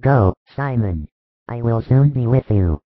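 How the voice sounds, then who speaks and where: A man voicing Jesus as a solemn, gentle teacher with measured authority in a dramatized scripture story. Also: medium pitch, lively intonation, no room sound, natural voice. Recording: muffled, phone-like audio.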